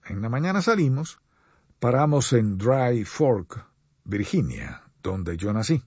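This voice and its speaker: A man preaching a sermon to radio listeners, earnest and pleading, with slow deliberate pauses. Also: medium pitch, very animated, darkish tone, husky, no room sound, lo-fi sound.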